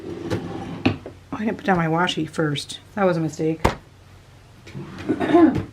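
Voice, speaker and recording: A woman's voice: lowish voice, takes it slowly, noisy background. A woman in her thirties chatting casually while making a glued paper collage, often laughing and murmuring to herself as she works. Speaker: crafting vlogger. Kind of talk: casual chat while crafting.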